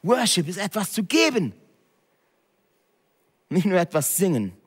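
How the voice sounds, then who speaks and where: A fairly high-voiced man, blunt and direct. He drops to near-whispers and then climbs into loud, emphatic calls. His voice rings with the long reverb of a church hall. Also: big pitch swings, a little slow, husky. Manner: direct, swinging between hushed and loud emphatic preaching. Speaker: pastor. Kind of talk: sermon.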